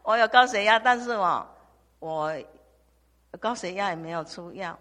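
An older woman from Taiwan, giving a halting church testimony full of restarts and repetitions. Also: mid-range voice, fairly bright tone. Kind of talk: personal testimony. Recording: long hall reverb.

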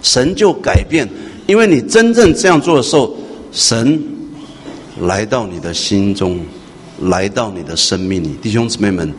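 A male pastor delivers a sermon to his congregation, often throwing questions out to them. His voice rises to ringing loudness and then drops low and confiding. The room carries a long echo, with a light hum of noise underneath. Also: moderate pace. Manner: animated preaching that moves from hushed to loud and questions the congregation. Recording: echoey hall with faint noise.

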